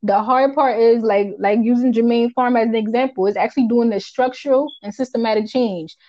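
Higher-voiced Charleston Gullah Geechee woman, dull audio. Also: a little fast, warm tone, no echo. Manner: emphatic repetition, colloquial, unfiltered swearing. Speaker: podcast co-host. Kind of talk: casual opinionated chat.

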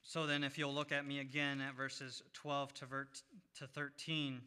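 A man preaching a sermon, reading scripture in a measured way with pauses. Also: medium pitch, little pitch movement, pushed and bright, smooth.

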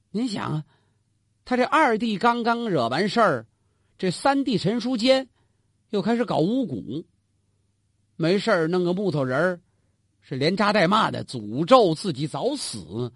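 Animated, husky male storyteller. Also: high-pitched, unhurried, pauses often, no echo, clean studio sound. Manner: animated, talks straight to the listener, asks and answers his own questions. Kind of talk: traditional pingshu storytelling.

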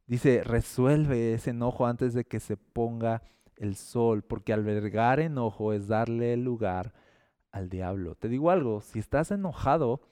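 A man delivers a sermon in a chatty, animated way, voicing short imagined exchanges and sinking to a hushed tone on grave lines. His voice is warm and mellow with a smooth, resonant clarity. The sound is dry and close. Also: medium pitch, measured pace, no room sound. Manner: animated, conversational, acts out little quoted exchanges. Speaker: preacher.

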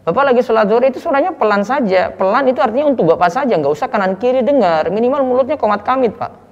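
A man with an extremely high, lively voice talks fast, and the dull-sounding recording carries a long reverb tail. He is a religious teacher answering questions casually, keeping his focus on the asker and explaining things through everyday examples.

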